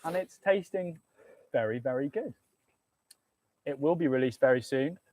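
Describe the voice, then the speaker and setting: A man's voice: medium pitch, expressive, normal speed, dark tone. Chatty British man with lots of ums. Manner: chatty, laughing, with many ums. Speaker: brewer hosting a beer tasting. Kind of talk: casual live-stream chat.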